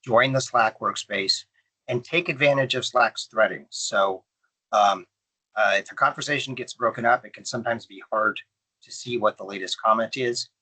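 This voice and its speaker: A man's voice: medium pitch, moderate pace, pushed and bright, breathy edge, poor audio. A man on a video call giving informal advice in an online meeting, hesitant and repeating words as he starts sentences.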